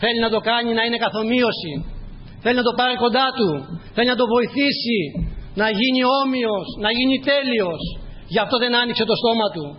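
A man's voice: extremely high pitch, steady tone, in a large hall, dull audio, a little hiss or hum. A man preaching a sermon in a church, reading scripture and urging his listeners with repeated direct appeals. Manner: repetitive exhortations, direct address to listeners.

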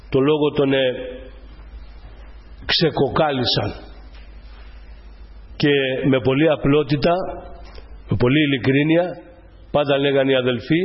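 A man's voice: medium pitch, highs cut off. A middle-aged man preaching a sermon to his congregation, emphatic and repeating his key phrases.

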